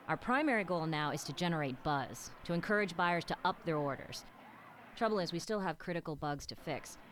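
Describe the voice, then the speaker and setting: A glib game marketing director. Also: female voice, on the low side, expressive, a little fast, fairly bright tone, slight background noise. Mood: salesy. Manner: salesy, glib and dismissive. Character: brash woman marketing director hyping a shooter. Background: game music.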